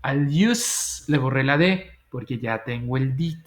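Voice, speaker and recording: A man teaching an English grammar lesson, slowly spelling out English example sentences between his explanations. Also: medium pitch. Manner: slow, deliberate dictation of English example sentences.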